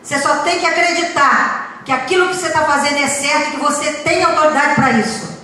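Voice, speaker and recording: A high, bright-voiced woman addresses parents in a lecture, leaning hard on her points and tossing out rhetorical questions. She is heard from a distance in a very echoey hall with a faint hiss behind her. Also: fairly quick. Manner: emphatic, with rhetorical questions and humorous anecdotes. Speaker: speaker at a parenting talk.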